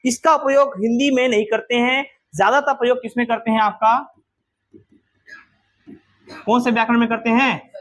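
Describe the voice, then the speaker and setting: A man's voice: extremely high pitch, fairly bright tone. A man teaching a grammar lesson to a class, quizzing students with repeated questions.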